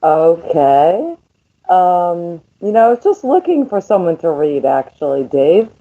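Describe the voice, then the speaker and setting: A woman's voice: fairly low pitch, big pitch swings, measured pace, no echo. A woman guest on a radio talk show, calling in as a psychic reader, with her voice muffled as if heard through a wall by a poor microphone. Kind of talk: casual chat. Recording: dull, muffled cheap microphone on a call-in line.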